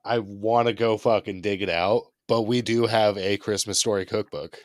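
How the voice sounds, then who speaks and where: A man's voice: fairly low pitch, steady tone, normal speed, no echo, clean studio sound. A young man co-hosting a podcast in casual chat, jokey and teasing, with plenty of swearing. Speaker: podcast co-host.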